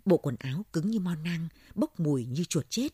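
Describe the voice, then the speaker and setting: A woman reads a novel aloud in steady audiobook narration. Her voice is low, dark and husky. The recording is close and dry. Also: moderate pace, no room sound. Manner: steady storytelling.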